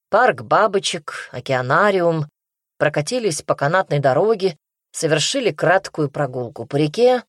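A woman voicing a sullen, mocking young brother who speaks curtly and slowly, in a low, husky voice. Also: no echo, studio quality. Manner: curt, sarcastic, slow.

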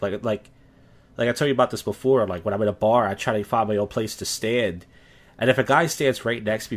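Man, low-pitched, rambling podcast host, lots of likes and uhs. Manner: rambling, many fillers and restarts. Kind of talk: casual podcast chat.

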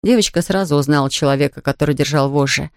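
A woman narrating an audiobook in an even, expressive storytelling manner. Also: low-pitched, quick pace, clear, resonant tone, no echo, studio quality. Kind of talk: scripted narration.

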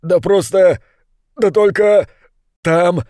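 A man's voice: high voice, takes it slowly, dark tone, dry recording, studio quality, pitched above the performer's own voice. Man doing a blubbering cowardly ratcatcher. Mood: nervous lying. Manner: blubbering, stammering. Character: panicky lying male ratcatcher, cowardly.

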